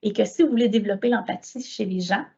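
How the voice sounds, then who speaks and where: A middle-aged woman with a Quebec French accent giving a conference talk, telling lively stories and acting out the dialogue. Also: mid-range voice, quick pace, creaky, slightly rough, lo-fi sound. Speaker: lecturer.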